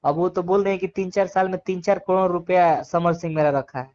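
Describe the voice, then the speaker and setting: Over a dull lo-fi phone line, a Bhojpuri-accented man shares his views in a casual interview. He sounds high, a little mellow and brisk, keeping fairly even intonation while arguing earnestly and repeating phrases to stress them.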